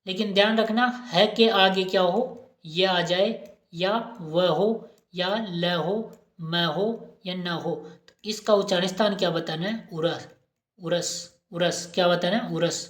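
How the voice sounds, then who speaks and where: A woman's voice: on the low side, slow. Woman teacher drilling answers in roomy echo. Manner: quizzing herself, repeating each answer. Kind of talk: exam-prep lesson.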